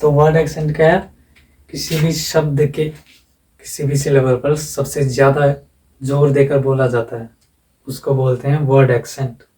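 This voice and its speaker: A man's voice: mid-range voice, little pitch movement, a little mellow, distant mic. Man teaching in an echoey room. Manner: explains slowly with repetition and asides. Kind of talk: classroom lecture on English phonetics.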